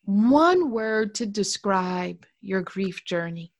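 Woman host, affirming and encouraging, gentle murmured agreement. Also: mid-range voice, lively intonation, slow pace. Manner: warm affirming, many soft mm-hmms. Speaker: podcast host. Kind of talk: faith-based interview.

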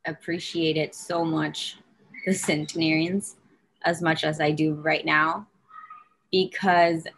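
A woman from Costa Rica speaks in a low, gravelly voice. She talks slowly in a narrow, even tone, choosing her words with care. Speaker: student guest. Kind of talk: casual interview answer.

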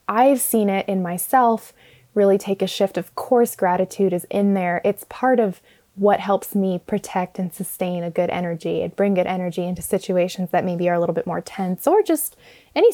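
A woman's voice: medium pitch, mellow. A young adult woman hosting a podcast in a casual, thoughtful monologue, her voice muffled because her usual microphone failed. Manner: thoughtful, many fillers and restarts. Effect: muffled audio from a fallback microphone. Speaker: podcast host and speech-language pathologist.

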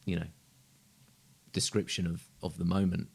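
A man co-hosting a podcast with a very deep voice. He asks gentle, probing questions and keeps his replies brief and encouraging. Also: level tone, normal speed, gravelly, slightly rough. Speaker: podcast co-host. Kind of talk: conversational podcast interviewing.

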